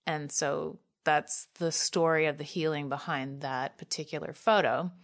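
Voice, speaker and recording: A woman, a guest author telling a story in casual conversation, animated and laughing, with many 'like' fillers. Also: deep voice, a little slow.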